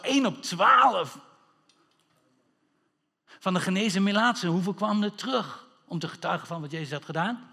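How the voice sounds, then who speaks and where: A man preaching a sermon with a high, bright voice, swinging between quiet asides and loud cries. His words ring out in a church hall with a long reverb tail. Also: creaky. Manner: animated preaching with rhetorical questions and sudden shouts. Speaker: pastor.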